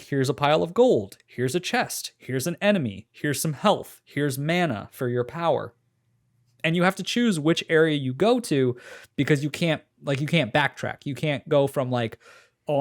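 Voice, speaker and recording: A man co-hosting a casual games podcast, talking in a loose, animated way with many fillers. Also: fairly high pitch. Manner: animated, laughing, trailing off into fillers. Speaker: podcast co-host. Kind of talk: casual chat.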